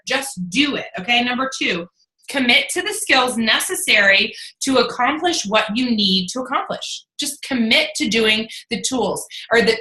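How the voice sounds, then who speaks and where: A woman coaching a fitness team in casual talk, energetic and rambling, laughing often. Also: a little high. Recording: roomy echo.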